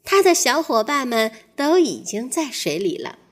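A young adult woman reading a children's storybook aloud as a storyteller, in a slow, warm, expressive way. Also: high voice.

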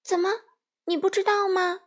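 A woman's voice: high voice, animated, normal speed, voice pushed up. A woman doing a polite, curious little girl. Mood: earnest. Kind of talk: children's storybook reading.

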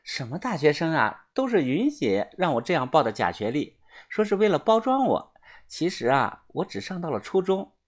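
A woman's voice: low-pitched, sing-song, normal speed. A woman voicing a frank, world-weary young woman who talks in a wry, matter-of-fact way in a storybook reading.

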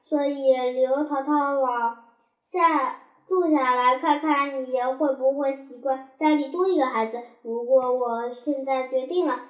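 A woman's voice: sits high, unhurried, lo-fi sound. A woman voicing a doting mother who teases fondly and speaks with emotion to her daughter. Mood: emotional. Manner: fond, then anxious and choked. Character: warm, doting young mother. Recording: roomy echo.

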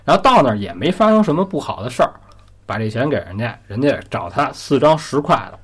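Man, chatty storyteller, husky, lively pitch. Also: fast talker. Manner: chatty, conversational, asks the listener questions. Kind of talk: casual spoken storytelling.

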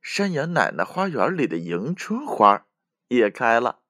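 A man voicing a cheerful, confident little bunny in a children's bedtime story, with high, excited, drawn-out exclamations. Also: dry recording, studio quality.

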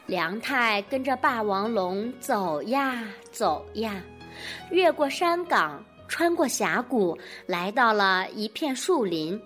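A woman narrating a picture-book story for children in an expressive storytelling manner. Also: on the high side, slow pace, soft background music.

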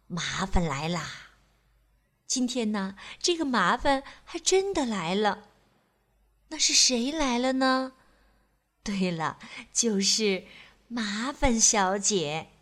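A woman telling a story to young children, expressive and playful, with chatty asides to the listener. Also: a little high, slow.

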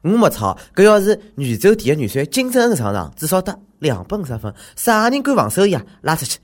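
A man's voice: sits high, very animated, brisk, slight background noise. A man with a Shanghainese accent delivering exclamatory, mocking, slangy comic news commentary as a show host.

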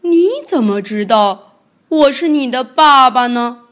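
Big t-rex dad, lady doing the voice, gruff and slow, drags his words out. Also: high-pitched, expressive. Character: big gruff tyrannosaurus turned gentle father.

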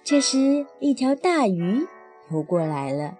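Slow, soothing woman telling a bedtime story. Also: fairly high pitch, big pitch swings. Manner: soft, soothing, lilting. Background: soft background music.

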